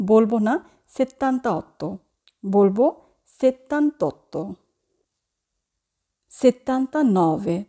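A woman teaching a language lesson, slowly repeating each number twice and correcting common mispronunciations. Her first language is Bengali. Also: fairly high pitch, dark tone. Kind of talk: slow, repetitive pronunciation lesson.

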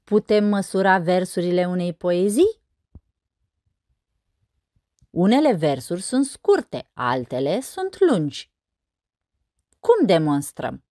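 A woman with a slightly low voice gives a scripted school lesson, slowing down to count the syllables of each line of verse. The recording is dry and close, with no room sound. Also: big pitch swings, mellow, dry recording. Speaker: teacher.

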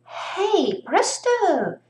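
A woman voicing an eager, muddled fairy who can't hear well, in a high squeaky voice, reading a storybook aloud. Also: wildly swooping pitch, drawn-out words, a little mellow, exaggerated voice. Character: hard-of-hearing female fairy, eager and muddled. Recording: echoey room.

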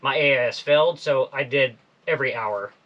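A man in his forties hosting a casual interview in a small boat cabin, talking in a relaxed, laid-back way. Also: mid-range voice, fairly quick, highs cut off. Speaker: podcast host.

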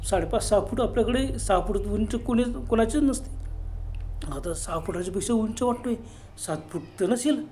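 A man's voice: sits high, moderate pace, dark tone, slight background noise, natural voice. A man voicing a tipsy, jittery adult village man who rambles nervously in a horror story.

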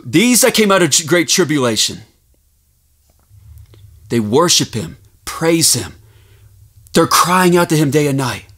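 A man preaching a fervent sermon, reading scripture aloud and rising to shouts as he rebukes his listeners. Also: fairly high pitch, very animated, measured pace, pauses often.

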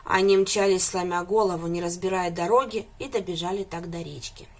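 A woman reading a fairy tale aloud for children in a lively, expressive way. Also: on the low side, a little fast.

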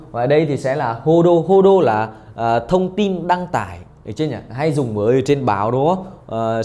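A man's voice: mid-range voice, a little mellow. Man teaching Japanese. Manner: keeps checking in with "được chưa?", mixing in Japanese phrases. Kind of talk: online exam-prep lesson.

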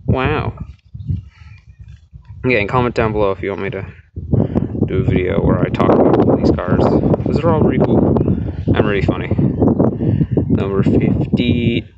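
A man's voice: fairly low pitch, moderate pace, vocal fry, pauses often. Swearing guy filming a car repair. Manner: swears freely, sarcastic, rambling asides. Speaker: vlogger. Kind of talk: casual DIY repair vlog. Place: working on a car door. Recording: dull lo-fi with loud background noise.

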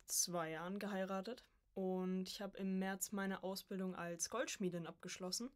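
With a mid-range, steady voice and a moderate pace, this early-twenties woman from Coburg, Germany, talks informally about her own life. She's a voice acting student appearing as a podcast guest, telling personal stories in a relaxed chat.

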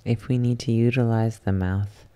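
Soothing and unhurried, a gentle-voiced guide leads an ASMR yoga nidra meditation with long pauses throughout. The voice is medium-pitched and steady, with a clear, resonant tone.

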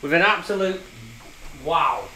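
A man's voice: a little high, expressive, measured pace, noisy background. A man hosting a casual vlog from his scrapyard, teasing his workmates and laughing often. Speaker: scrapyard owner vlogger. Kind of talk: casual jokey vlog chat. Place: car breakers' yard workshop.

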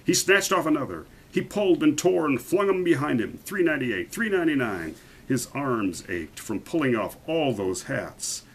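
A man reading a picture book aloud to children, animated and stopping to point out the pictures. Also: medium pitch, normal speed, slight background noise, low-quality recording.

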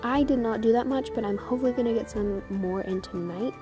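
A woman's voice: a little high, quick pace, warm tone, soft background music. A teenage girl giving a casual, chatty vlog outdoors into a phone, with a bossy, giggly manner. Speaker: older sister vlogging, coaching siblings. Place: outdoors on a driveway. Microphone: phone held at arm's length.

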